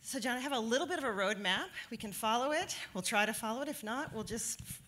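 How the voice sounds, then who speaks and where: A woman interviewing a guest on a theater stage, laying out her plan and asking brisk, friendly questions. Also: a little high, lively intonation, a bit bright, slight background noise. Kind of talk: onstage interview. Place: theater stage with live audience. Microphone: handheld mic.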